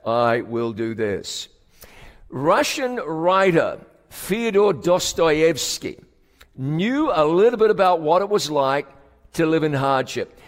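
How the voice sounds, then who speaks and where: A pastor with a fairly high-pitched voice preaches a sermon, drawing out key words for emphasis and lowering to a hush at solemn points. The recording carries a long hall reverb.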